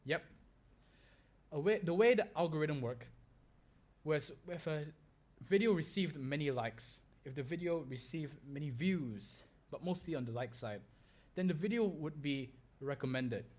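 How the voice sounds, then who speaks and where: Rambling young man, slightly high voice. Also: unhurried, a little mellow. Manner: rambling, with fillers and restarts. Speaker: podcast host. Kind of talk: solo podcast monologue.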